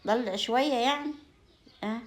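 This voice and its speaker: Her voice sits on the high side and moves at a moderate pace as she addresses viewers of her home vlog. The woman's Sa'idi accent from Upper Egypt colors her easygoing, folksy chatter, which is rich in blessings and affectionate words.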